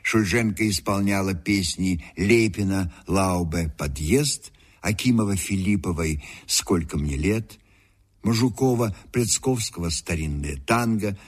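A man narrating a documentary from a script, in a measured, expressive storytelling manner. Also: on the low side.

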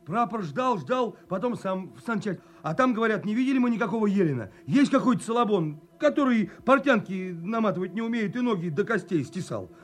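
High-voiced, stammering young conscript. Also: male voice, animated, a little fast, hardly any pauses. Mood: eager, flustered. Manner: stammering, eager, naive. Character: timid, chattering young conscript nicknamed chick.

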